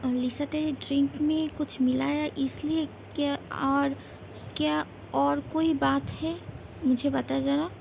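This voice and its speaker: A woman's voice: high-pitched, flat delivery, takes it slowly, vocal fry, a little mellow, slight background noise, exaggerated voice, low-quality recording. A woman voicing a worried, protective young male friend in an amateur fan story, talking in a coaxing, informal way. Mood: concerned.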